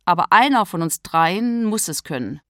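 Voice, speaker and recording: A woman voicing a calm, formal, bearded Santa Claus in a storybook reading, unruffled and matter-of-fact. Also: fairly low pitch, normal speed, no room sound, studio quality.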